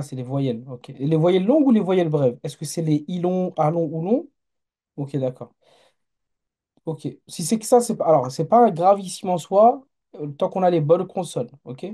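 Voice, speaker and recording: Patient male teacher, dark mellow tone, runs a live online class and checks on learners. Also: fairly high pitch. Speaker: Arabic teacher.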